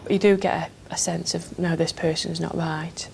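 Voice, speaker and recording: A woman police officer speaks in a low, flat, gravelly voice, explaining things matter-of-factly. Clear background noise sits behind her. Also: normal speed. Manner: plain, matter-of-fact explaining. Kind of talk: interview.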